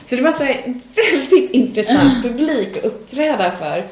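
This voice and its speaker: A woman's voice: high voice, expressive, darkish tone, roomy sound, slight background noise. A woman podcast co-host and singer telling a casual anecdote in a chatty way, swearing now and then and acting out what people said. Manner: chatty storyteller, acts out quotes, swears casually.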